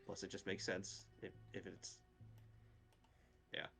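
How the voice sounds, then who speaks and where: Low-voiced man playing a tabletop game. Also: completely flat delivery, slow pace, gravelly, a bit bright, soft background music. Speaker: player. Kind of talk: casual tabletop game chat.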